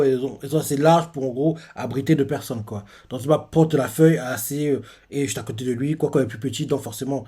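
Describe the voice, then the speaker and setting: A man's voice: medium pitch, dark tone, slightly rough. A man hosting a live manga reaction, casually retelling the panels with lots of fillers and restarts.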